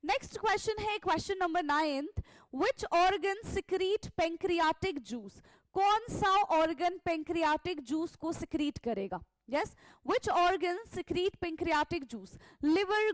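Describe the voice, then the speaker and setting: A woman's voice: very high voice, expressive, no room sound, studio quality. A woman teacher, going over quiz questions step by step and calling the students "beta". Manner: slow and deliberate, code-switching between Hindi and English, calls students "beta".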